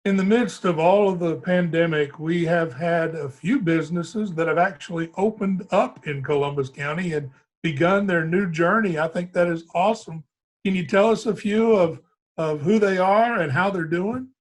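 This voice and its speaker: A man's voice: sits high, moderate pace. A man hosting a local cable TV interview and asking friendly questions. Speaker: interview host.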